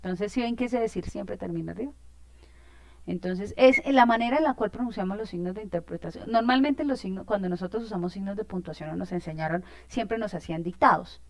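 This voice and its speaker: A woman's voice: medium pitch, brisk, no echo. Woman teacher, explaining. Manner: explanatory, frequent fillers and check-in questions. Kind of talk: informal online lesson.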